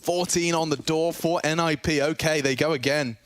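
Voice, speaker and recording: A man's voice: fairly high pitch, fairly even intonation, normal speed, fairly bright tone, smooth, no room sound, clean studio sound. A man giving live esports commentary as a play-by-play caster, in clipped running phrases.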